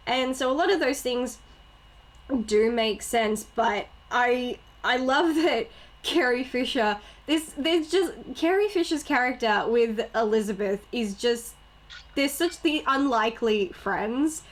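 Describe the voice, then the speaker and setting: A young woman co-hosting a casual film podcast, animated, laughing often and acting out lines. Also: a little high, takes it slowly. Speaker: podcast co-host. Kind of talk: casual movie chat.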